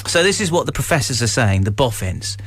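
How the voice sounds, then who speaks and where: A man's voice: mid-range voice, sing-song, fairly quick, a bit bright, breathy edge. A man hosting an afternoon local radio show in an upbeat, chatty, bantering way. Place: radio studio.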